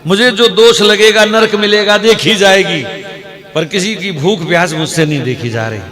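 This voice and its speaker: A man's voice: fairly high pitch, animated, a little fast, fairly bright tone. A man doing a tearful humble holy man. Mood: troubled. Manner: pleading, tearful. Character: poor humble male holy man, guilt-ridden.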